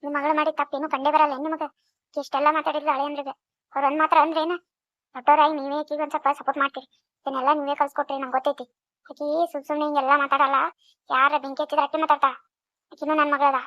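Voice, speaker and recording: A woman voicing a defiant, sharp-tongued middle-aged village wife in a cartoon, with a North Karnataka Kannada accent. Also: high voice, little pitch movement, racing, dry recording, natural voice. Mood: scolding. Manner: defiant, scolding. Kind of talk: cartoon voice acting. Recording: dull lo-fi recording.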